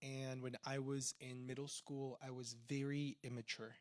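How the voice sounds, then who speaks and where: A man's voice: medium pitch, flat delivery, normal speed, no echo. A young man from Peru with a Peruvian accent, speaking as a tech entrepreneur in a chatty, informal talk about his faith. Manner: chatty, informal, full of fillers.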